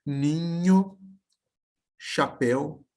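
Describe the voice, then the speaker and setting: A man teaching a video lesson, slowly sounding out example words syllable by syllable. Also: on the high side, darkish tone. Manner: slow, careful, spelling words out syllable by syllable.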